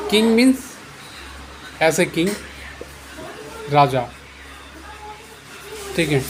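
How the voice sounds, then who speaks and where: Guy doing a slow whiteboard lesson, keeps checking u got it, bit of hiss in the back. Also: on the high side. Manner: patient, repetitive, checks understanding often. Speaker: teacher. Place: room with a board.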